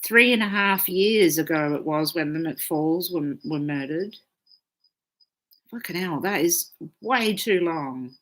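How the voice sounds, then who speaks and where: A woman's voice: low-pitched, takes it slowly, fairly bright tone. A woman astrologer hosting a casual live stream, chatting freely, swearing often and reading out viewer comments.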